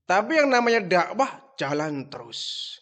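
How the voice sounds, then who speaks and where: Male preacher, high voice, casual storytelling sermon, lively asides. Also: unhurried. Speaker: Islamic preacher.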